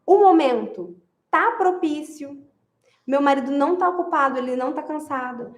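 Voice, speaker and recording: High-voiced, emphatic woman giving advice. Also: lively intonation, moderate pace, roomy sound. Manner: emphatic, repeats phrases, addresses listeners directly. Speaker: marriage advice speaker. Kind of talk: advice talk to women.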